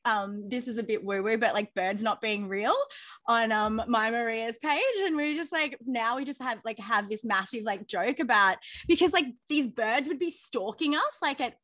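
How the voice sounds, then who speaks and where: High-voiced gushing woman podcast host. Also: moderate pace, fairly bright tone, no room sound, clean studio sound. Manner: bubbly, gushing, filler-heavy. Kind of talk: casual chat.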